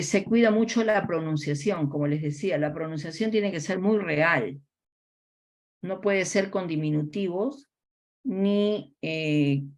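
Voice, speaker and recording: A woman lecturer with a Peruvian Spanish accent, explaining child language development in a class, often ending phrases with a questioning "no?" and pausing on fillers. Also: on the low side. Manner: explanatory, tags sentences with a questioning "no?"; frequent hesitation fillers. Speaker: college lecturer.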